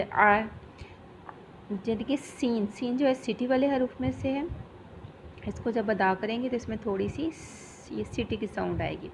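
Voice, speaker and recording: Woman teacher drilling Quran syllables slowly. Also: fairly high pitch, a little hiss or hum. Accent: Pakistani Urdu. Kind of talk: tajweed lesson with slow recitation.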